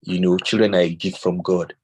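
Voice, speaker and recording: A Nigerian man with a deep, somewhat breathy voice talks fairly quickly about parenting. He tells stories, quotes scripture, and animatedly acts out the dialogue he quotes.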